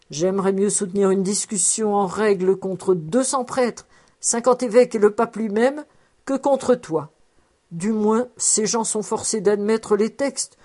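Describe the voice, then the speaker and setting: A woman reading aloud, voicing a wry, good-natured old rabbi who protests loudly when teased. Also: mid-range voice, lightly acted.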